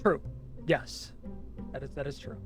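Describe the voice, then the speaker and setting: A man's voice: medium pitch, fairly even intonation, measured pace, faint music behind. A man streaming a game with a co-host, casually talking himself through each step and swearing now and then. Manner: narrates each step under his breath, easygoing and swearing.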